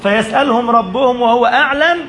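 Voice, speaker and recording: High-voiced Egyptian preacher in an echoey hall. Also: male voice, a little hiss or hum. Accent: Egyptian Arabic. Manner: lively, emphatic, quickens and slows for effect. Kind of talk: sermon. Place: mosque hall.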